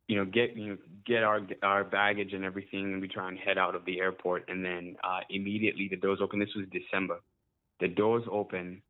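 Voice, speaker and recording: Low-voiced Ugandan-born man on a tinny line. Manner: hesitant, many ums, laughs often. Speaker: musician guest. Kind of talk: casual interview.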